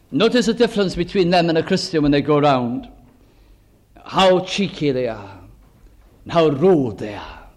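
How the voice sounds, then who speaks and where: An older man preaching a sermon earnestly, slowing down to stress key phrases. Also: high-pitched, poor audio.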